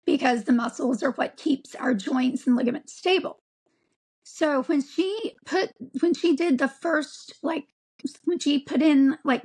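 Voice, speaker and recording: A woman of forty, an interview guest, telling her own story in a halting way with frequent ums and restarts. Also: sits high, rough recording. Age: 40s. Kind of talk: candid personal account.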